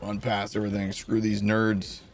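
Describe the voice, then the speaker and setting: A man's voice: on the low side, monotone, moderate pace, gravelly, soft background music. A man streaming a video game, chatting playfully with his viewers and joking while he plays. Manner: playful, jokey, reads chat aloud. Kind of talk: casual gameplay commentary.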